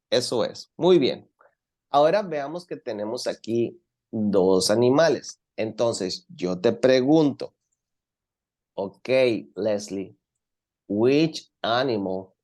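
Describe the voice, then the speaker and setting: Slow, patient male English teacher. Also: medium pitch, a little mellow. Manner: patient, repeats words slowly for students. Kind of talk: online class, explaining in two languages.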